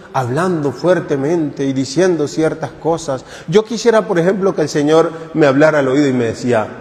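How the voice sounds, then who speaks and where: A man's voice: on the high side, a little mellow, long reverb tail. A man who is a priest, giving a catechesis sermon at a retreat in a conversational, joking way and putting questions to the congregation. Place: parish church.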